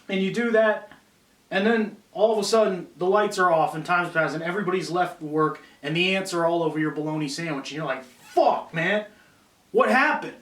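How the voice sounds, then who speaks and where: A man's voice: on the high side, a little fast, a bit bright. A man delivering a wild, rambling, profane rant to viewers in an unscripted monologue, picked up by a distant camera mic. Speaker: comedy advice YouTuber. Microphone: distant camera mic, separate microphone not recording. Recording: echoey room, far from mic.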